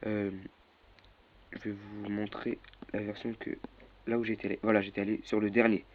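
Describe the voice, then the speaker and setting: A young man makes a casual screen-recorded tutorial, sounding hesitant and full of fillers and self-corrections. His voice is fairly low with a level tone at a moderate pace, picked up by a dull lo-fi mic with faint noise.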